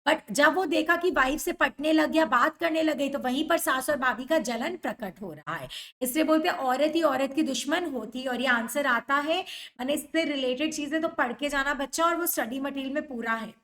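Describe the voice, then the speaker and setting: Female teacher, young, high-pitched; reads, then explains plainly. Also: moderate pace, fairly bright tone. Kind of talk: line-by-line explanation of a novel.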